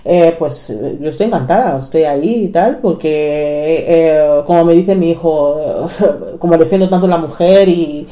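A woman's voice: deep voice, a little slow, few pauses. A middle-aged woman from Nigeria, speaking Spanish as a second language, chatting casually as a podcast guest and acting out the people in her stories, with many fillers. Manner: animated storytelling, acts out quoted people, many fillers. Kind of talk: casual conversation. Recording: echoey room.

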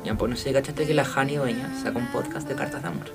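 A man with a Chilean accent, chatting as podcast co-host and telling a story in a slangy, animated way. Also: medium pitch, fast talker, vocal fry, over loud music. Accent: Chilean Spanish. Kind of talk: casual chat, storytelling.

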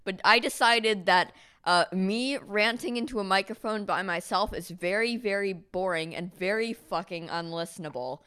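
A woman's voice: mid-range voice, normal speed, few pauses, a bit bright, clean tone, no echo, studio quality. A woman hosting her own podcast, chatting casually over a video call in a rambling, stammering, self-mocking way. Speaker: podcast host. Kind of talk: casual chat.

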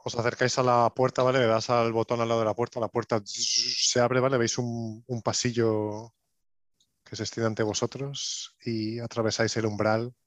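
A man from narrating a tabletop game as game master, calm, checking in with frequent "vale". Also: medium pitch, normal speed, dry recording.

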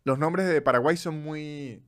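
Un hombre venezolano con acento venezolano, presentador de podcast, contando datos en charla informal y pausada a ratos. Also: male voice, fairly high pitch. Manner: chatty storyteller, slows down to list facts. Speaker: podcast host. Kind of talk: casual chat.

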